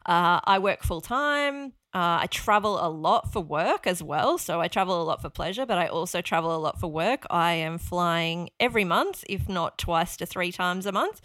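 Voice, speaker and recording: An Australian woman with a slightly low voice talks openly as a podcast guest. She is matter-of-fact and relaxed, and scatters ums and small laughs through her answers. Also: a little slow, clean tone. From Mount Isa, Queensland, Australia. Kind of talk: conversational podcast interview.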